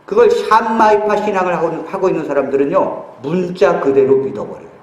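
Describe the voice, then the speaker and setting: Man, pastor, high voice, storytelling sermon, roomy hall sound. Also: brisk. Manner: storytelling with acted-out quotes, humorous asides. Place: church hall.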